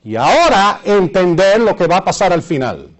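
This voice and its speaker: A man with a Puerto Rican Spanish accent preaching and reading scripture, repeating phrases for emphasis and pausing to search for words. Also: high-pitched, big pitch swings. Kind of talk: sermon with Bible readings and asides to listeners.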